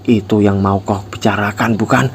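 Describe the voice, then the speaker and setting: A man voicing a blunt, tough high school boy who was once a gangster, speaking in a curt, scornful and threatening way. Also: fairly even intonation, moderate pace, a little hiss or hum, close to an everyday voice. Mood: cold scorn.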